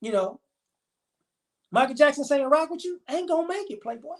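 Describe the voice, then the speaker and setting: A man in his forties hosts a live stream with casual commentary, talking in a rambling, emphatic, slangy way. His voice is very high-pitched, expressive, and brisk.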